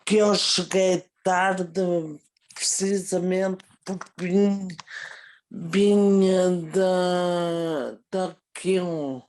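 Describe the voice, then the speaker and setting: A woman with a Porto accent speaking haltingly on a video call, restarting her words. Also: fairly low pitch, steady tone, darkish tone. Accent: Porto Portuguese. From Portugal. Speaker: participant.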